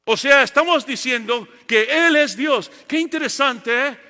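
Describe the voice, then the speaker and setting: High-voiced preacher in a reverberant church. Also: male voice, bright, forceful tone. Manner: preaching, switching between Spanish and English, slow emphatic lists. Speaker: pastor. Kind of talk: bilingual sermon. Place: church sanctuary. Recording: long church-hall reverb.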